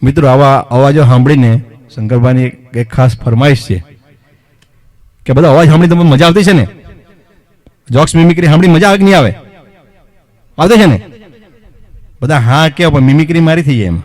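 A man's voice: fairly high pitch, brisk, long pauses, a little mellow. Chatty male mimicry comedian. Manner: chatty, asks the audience questions. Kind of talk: comic storytelling performance.

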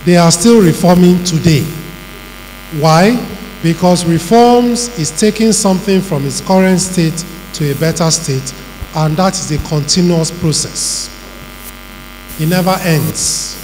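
A middle-aged man with a Nigerian accent giving a measured, emphatic public talk and listing his points one by one. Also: a little high, a little mellow. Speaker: panel speaker on governance. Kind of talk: public talk answering questions. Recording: reverberant hall with faint hum.

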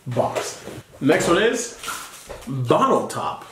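A man's voice: fairly high pitch, very animated, drawn-out words, fairly bright tone. A man teaching a child English vocabulary in a patient, bilingual one-on-one lesson, switching between English and Spanish and spelling words out letter by letter. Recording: echoey room with background noise.

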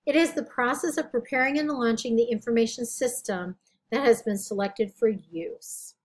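A woman's voice: a little high, normal speed. A woman with a scratchy, tired voice teaching a recorded lecture, talking conversationally, correcting herself and asking rhetorical questions. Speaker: college instructor.

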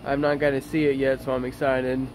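A man's voice: mid-range voice, monotone, a little fast. A young man in his twenties talks cheerfully to a phone held at arm's length, wandering from point to point with plenty of "uh"s. The recording has plain background noise from outside. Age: 20s. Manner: upbeat, rambling with many fillers. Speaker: vlogger. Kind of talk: casual vlog chat. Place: outdoors beside a house, and a kitchen. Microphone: handheld phone camera at arm's length. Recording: noisy outdoor phone recording.

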